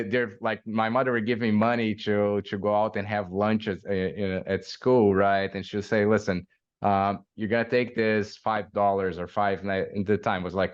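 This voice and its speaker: A man from Brazil, in his forties, talks as a guest in a low voice. He circles through his stories with fillers and restarts and laughs now and then. The recording sounds dull and lo-fi. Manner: hesitant, many fillers and restarts, laughs while telling stories. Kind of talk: interview storytelling.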